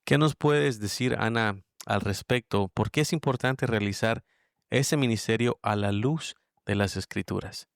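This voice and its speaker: A man hosting a faith interview podcast, asking measured, formal questions. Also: lowish voice, vocal fry, no room sound, clean studio sound. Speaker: podcast host.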